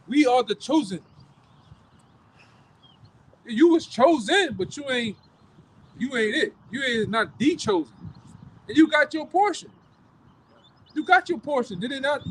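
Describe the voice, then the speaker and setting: High-voiced forceful street preacher. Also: male voice, a little hiss or hum, poor audio. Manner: forceful, repetitive, profane, ends phrases with "man". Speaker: street preacher leading the camp.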